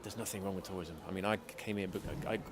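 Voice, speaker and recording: A man's voice: low voice, fairly even intonation, racing, a loud crowd. A man chatting casually as an interview guest, self-deprecating and full of restarts. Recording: loud street and traffic noise.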